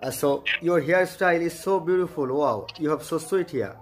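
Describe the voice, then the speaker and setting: Man, slightly high voice. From Bangladesh. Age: 20s. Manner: halting, repeats okay, flattering. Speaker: channel host practicing English. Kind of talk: casual chat. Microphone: video call.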